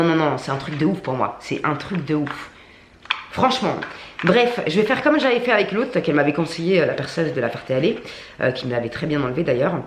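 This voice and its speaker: A woman's voice: deep voice, noisy background. A woman vlogger telling a storytime rant to camera, indignant, slangy and full of swearing. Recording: echoey room.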